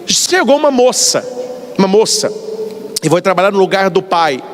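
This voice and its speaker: High, lively Brazilian priest preaching. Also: male voice, normal speed. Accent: Brazilian Portuguese. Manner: animated storyteller, acts out dialogues. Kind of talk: sermon. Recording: long hall reverb.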